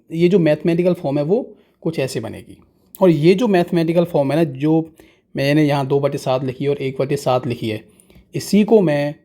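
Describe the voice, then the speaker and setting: Patient man teaching, mellow voice. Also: a little high. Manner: slow, patient, asks questions and answers them himself. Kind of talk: explaining fractions to students.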